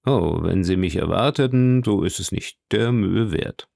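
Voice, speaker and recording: A man's voice: sits low, measured pace, gravelly, darkish tone, dry recording, clean studio sound, full character voice. A man reading aloud voices a nervous, timid old Italian ex-soldier who answers with wondering questions. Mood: uneasy, wondering. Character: elderly timid Italian ex-major, nervous and eager.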